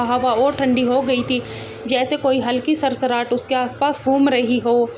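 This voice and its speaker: A woman's voice: sits high, a little hiss or hum. Woman narrating an emotional ghost story.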